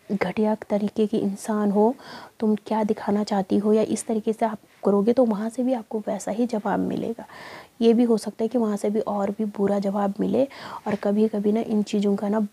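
Woman vlogger from Uttarakhand, Pahari accent; flat, dark delivery, earnest and repetitive. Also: medium pitch, gravelly, husky. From Uttarakhand, India. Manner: earnest, lecturing, repeats phrases. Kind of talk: casual talk to camera.

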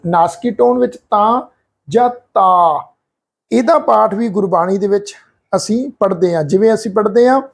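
Male teacher, husky, deliberate, reciting verses to show pronunciation. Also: high-pitched. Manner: earnest, slow and deliberate, chanting scripture lines as examples. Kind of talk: religious pronunciation lesson.

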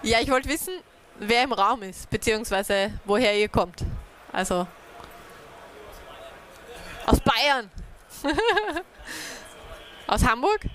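On stage in a dark event room, a young native-speaker woman whose first language is German gives a small group an informal talk about community networks. Her fairly bright, a little high voice is animated but slow, with frequent pauses, and she sounds hesitant, using many fillers.

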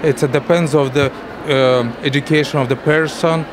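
A middle-aged man from Ukraine with a Russian accent, giving halting interview answers in broken English as a painter. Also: on the high side, steady tone. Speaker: exhibiting painter being interviewed. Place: indoor art exhibition booth. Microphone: interviewer's handheld microphone. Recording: noisy exhibition hall ambience.

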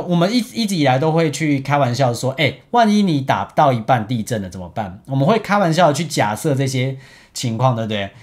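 Young man, Taiwanese Mandarin accent, casual storytelling, very lively pitch, frequent laughter. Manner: animated, chatty, laughs often. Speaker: esports team captain. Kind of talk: casual storytelling over gameplay footage.

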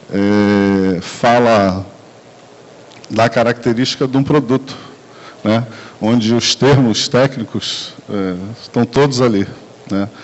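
A man with a Brazilian Portuguese accent gives a sales presentation at a conference, speaking into a handheld mic in a large room. His medium-pitched delivery is relaxed and conversational, with frequent tag questions and fillers. A distant camera captured the talk, leaving the audio dull and lo-fi.

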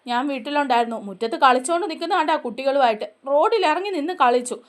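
Woman narrator as a grieving grandmother, pleading, quick high delivery. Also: expressive. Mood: lamenting. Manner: lamenting, pleading. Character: distraught grandmother pleading over her grandson.

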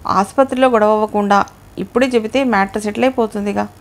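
A pushy, lecturing middle-aged man in an audio novel, read by a woman. He presses and scolds in a gravelly, creaky voice. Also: mid-range voice, fairly even intonation, fast talker, close to an everyday voice. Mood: insistent. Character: scheming middle-aged male go-between, pushy.

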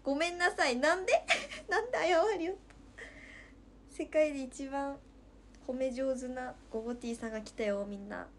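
A woman's voice: high voice, moderate pace, fairly bright tone, slight background noise. A woman in her twenties from Nagasaki with a Nagasaki accent, chatting playfully and giggling with viewers on a livestream from her room at home. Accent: Nagasaki dialect. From Nagasaki, Japan. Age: 20s. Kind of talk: casual chat with viewers.

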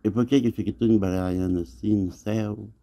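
Mellow-voiced Mineiro man filming outdoors. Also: on the low side, steady tone, brisk. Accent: Mineiro Brazilian Portuguese. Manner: insistent, talking to viewers while filming, repeats himself. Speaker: resident filming the night sky. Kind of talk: casual narration while filming. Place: outdoors at night. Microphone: phone camera resting on a wall.

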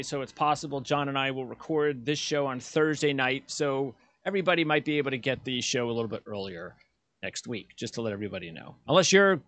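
Middle-aged male host, chatty and rambling, bright forceful tone, dry close sound. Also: on the high side, no echo. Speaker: podcast host. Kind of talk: casual sports chat. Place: home room, indoors.

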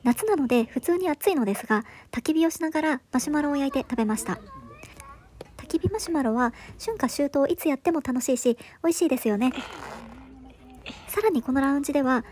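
A woman's voice: high-pitched, expressive, fairly quick, a little mellow, a little hiss or hum. A woman in her thirties giving an upbeat, enthusiastic scripted voice-over for a travel vlog, recorded indoors. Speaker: travel vlogger.

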